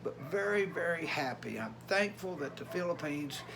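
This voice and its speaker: High-voiced older man, Appalachian Tennessee accent. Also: lively intonation, normal speed, noisy background. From Tennessee, USA. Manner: folksy, plainspoken. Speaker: vlogger. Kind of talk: casual vlog talk.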